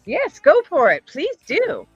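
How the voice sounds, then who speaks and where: A woman's voice: high-pitched, wildly swooping pitch, takes it slowly, no echo, highs cut off, faint music behind. A woman hosting a live online craft supply sale, chatting casually and rambling with fillers as she shows fabric. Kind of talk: casual live-stream selling.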